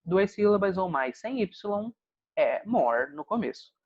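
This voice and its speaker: A man with a Brazilian Portuguese accent, an English teacher calmly explaining grammar in an online lesson. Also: sits high, slow, husky. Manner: patient, explanatory, frequent "né?" check-ins. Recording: dull lo-fi sound.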